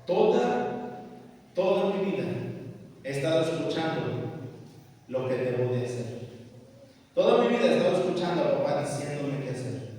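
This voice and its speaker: Animated preaching man in echoey hall. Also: on the high side, normal speed, pauses often. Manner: animated preaching, acts out dialogue. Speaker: pastor. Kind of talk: sermon. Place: church hall. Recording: echoey hall, distant mic.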